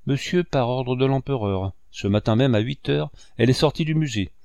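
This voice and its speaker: A man reading the part of an old male museum guard, gentle and matter-of-fact. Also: medium pitch, normal speed, gravelly, no room sound, close to an everyday voice.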